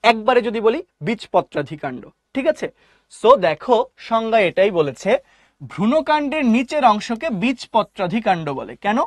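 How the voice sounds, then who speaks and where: A man teaching a live online biology class, repeating key terms slowly and quizzing his listeners. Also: extremely high pitch, big pitch swings, no room sound.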